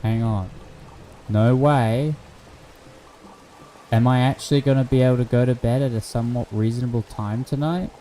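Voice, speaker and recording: A young man casually commenting on his live game stream, rambling and thinking aloud with excitable bursts. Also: mid-range voice, moderate pace, long pauses, a little hiss or hum, low-quality recording.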